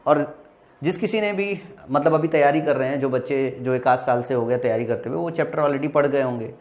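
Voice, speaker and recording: A man with an Indian accent teaching exam vocabulary, asking questions and answering them himself, slowly spelling words out letter by letter. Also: mid-range voice, a little mellow. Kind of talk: exam-prep lesson.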